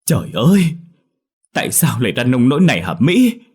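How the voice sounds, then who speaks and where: A man's voice: on the low side, animated, fairly quick, a little mellow, slightly rough. A man voicing a worried middle-aged country mother who pleads and frets over her daughter. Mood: anguished. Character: middle-aged rural mother, anxious and grieving.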